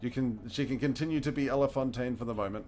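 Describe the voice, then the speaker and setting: Here a male gaming streamer from New Zealand keeps up relaxed, think-aloud commentary over his game, frequently chuckling. He speaks fast at a medium pitch, sounding a little mellow, and faint music can be heard behind him.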